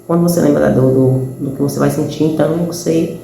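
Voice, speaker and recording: A Brazilian woman shares a personal faith testimony in an earnest, chatty way, talking straight to fellow believers. Her voice is mellow and warm. The recording sounds roomy and echoey, with a faint hum behind her. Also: deep voice, steady tone, fast talker, vocal fry. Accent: Brazilian Portuguese. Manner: earnest, conversational, addresses listeners as brethren.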